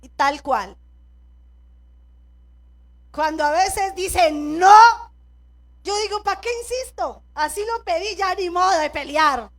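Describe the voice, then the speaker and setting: A middle-aged woman pastor preaches with a Colombian accent. Her voice sits very high, and she talks to the congregation directly, drawing them in with calls for agreement and repeated amens between personal stories. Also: animated, slow, pauses often. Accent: Colombian Spanish. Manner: personal storytelling, congregation prompts with "amén" and "¿cierto?". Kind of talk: sermon. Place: church.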